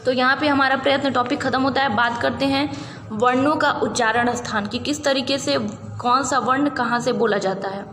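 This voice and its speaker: Woman, patient teacher, repeats points, slightly high voice, echoey room. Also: fairly even intonation, moderate pace, fairly bright tone. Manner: patient, repeats key points and checks in with "ठीक है". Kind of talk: exam-prep grammar lesson. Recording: echoey room with long reverb, faint background noise.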